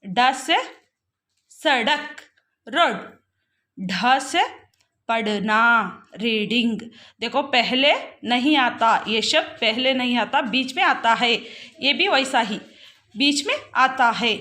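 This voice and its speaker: Slow, patient woman teaching young children. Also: fairly high pitch, pushed and bright. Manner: slow, patient, spelling words out letter by letter. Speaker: primary school Hindi teacher. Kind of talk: online classroom lesson for young children.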